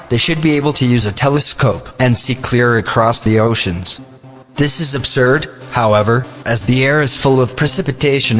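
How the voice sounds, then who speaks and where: A synthetic male text-to-speech voice like an old speech synthesizer, reading a scripted narration in a flat, mechanical manner. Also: medium pitch. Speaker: video narrator. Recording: long reverb, music behind. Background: music.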